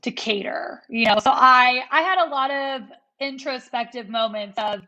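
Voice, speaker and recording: A woman's voice: high voice, normal speed, bright, forceful tone. A woman around thirty hosting a podcast, chatting casually and reflectively with many fillers. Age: 30s. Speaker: podcast host. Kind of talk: casual chat. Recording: dull lo-fi sound.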